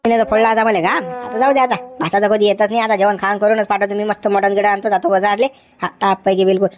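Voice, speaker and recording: A woman, playing a flustered middle-aged village uncle who scolds excitably. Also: mid-range voice, fast talker, faint music behind, lightly acted.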